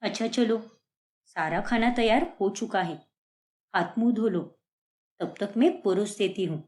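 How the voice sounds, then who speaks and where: A woman's voice: mid-range voice, measured pace, a little mellow, close to an everyday voice. A woman voicing a stern middle-aged mother in a cartoon, who scolds her daughters sharply and defends her son. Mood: gentle. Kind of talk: cartoon voice acting.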